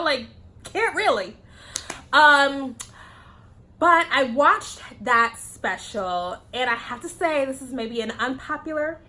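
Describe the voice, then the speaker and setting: Blunt, bright-voiced woman vlogger. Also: a little high. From United States. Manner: blunt, profane, laughs often. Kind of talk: casual opinion commentary.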